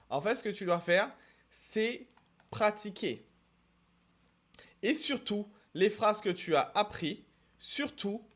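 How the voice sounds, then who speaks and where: A man's voice: high-pitched, a bit bright. A man from France teaching English in a casual video lesson, emphatic, repeating words for stress and talking straight to the viewer. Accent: French accent when speaking English. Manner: addresses viewer directly with quick asides.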